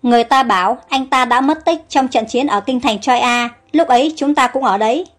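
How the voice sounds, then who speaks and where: Chatty loyal handmaid for an audio storybook, voiced by a woman; cheerful, high. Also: normal speed, soft background music.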